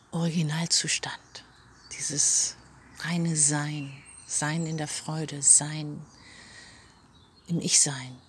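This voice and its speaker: A woman speaking in a personal, reflective monologue, often dropping into a soft half-whisper and talking straight to the listener. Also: sits low, slight background noise. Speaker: self-help speaker.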